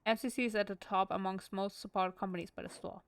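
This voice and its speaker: A woman's voice: mid-range voice, steady tone, quick pace, no room sound. A woman with a German accent streaming a game at home, reading in-game text aloud with wry, chatty asides.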